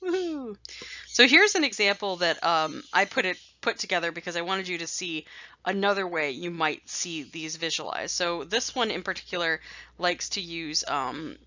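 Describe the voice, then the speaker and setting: A woman's voice: on the low side, normal speed, sharp tone, lo-fi sound. A woman teaching statistics in a recorded lecture over slides, chatty and self-mocking, with bursts of cheer between slides. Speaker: statistics instructor.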